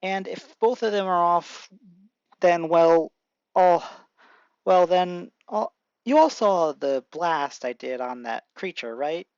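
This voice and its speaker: Man reading a shy teen hero, hesitant, gravelly, dull home mic. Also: high-pitched, a little mellow, no echo. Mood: shy earnest. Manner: halting, hesitant.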